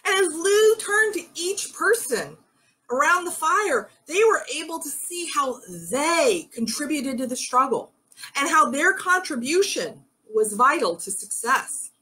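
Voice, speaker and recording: A woman's voice: sits high, lively intonation, unhurried, bright, forceful tone, poor audio. A woman telling a myth as part of a pagan ritual, earnest and rallying at the close. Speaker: ritual storyteller.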